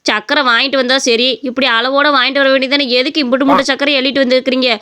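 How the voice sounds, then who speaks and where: A woman voicing a sharp-tongued old village mother-in-law who scolds her family in a shrill voice. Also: flat delivery, rapid-fire, clear, resonant tone. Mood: annoyed. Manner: shrill scolding, exclaims often.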